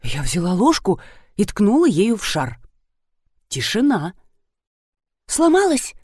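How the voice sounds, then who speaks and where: A woman narrating a comic audiobook in an expressive, storytelling manner. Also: medium pitch, a little slow, husky, dry recording, clean studio sound. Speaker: audiobook reader.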